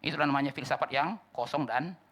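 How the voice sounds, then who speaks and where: A male pastor preaching a sermon with animated delivery, shouting key words and dropping to quiet asides, acting out the voices of churchgoers. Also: fairly high pitch, fast talker. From Indonesia. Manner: acts out congregants' voices.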